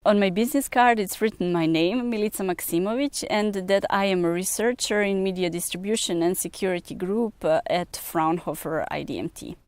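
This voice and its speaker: A young woman from Serbia with a Serbian accent, a researcher speaking in an interview, pausing often with many filler sounds. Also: mid-range voice, darkish tone, no room sound. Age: young adult. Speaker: researcher and PhD student. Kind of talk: recruitment video interview.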